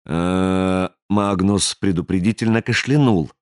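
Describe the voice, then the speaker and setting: A man narrating an audiobook in an expressive storytelling reading, on a close studio mic. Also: sits low, slow. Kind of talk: scripted narration.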